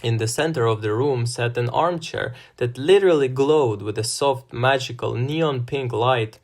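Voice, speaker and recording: A man reading a first-person fantasy novel as scripted narration in a measured manner. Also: medium pitch. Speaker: audiobook narrator.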